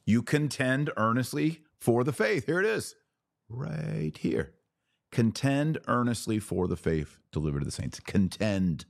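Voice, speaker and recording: Preaching emphatically to a live audience, a religious commentary podcast host fires off short punchy phrases, asks his listeners rhetorical questions directly, and acts out imagined quotes. His medium-pitched voice is very animated, a little slow and creaky, recorded with clean studio sound and no echo.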